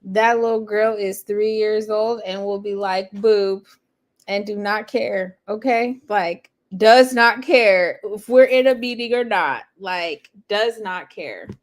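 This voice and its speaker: A woman guest, a priestess, speaking in a reflective, measured way in a casual online chat. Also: mid-range voice. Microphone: video call.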